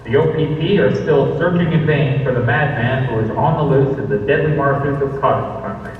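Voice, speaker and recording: Man acting a solemn announcer, boomy echo. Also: brisk, far from the mic, a little hiss or hum, close to an everyday voice. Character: grave radio announcer reading police bulletins. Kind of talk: formal radio bulletin, slightly mock-serious. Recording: muffled, echoey playback in hall.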